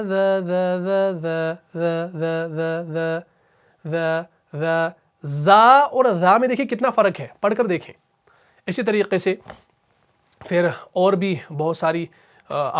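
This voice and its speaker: A man teaching a tajweed lesson. He explains pronunciation briskly and drills syllables slowly and repeatedly. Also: high voice. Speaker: Quran recitation teacher. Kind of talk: tajweed lesson with recitation examples.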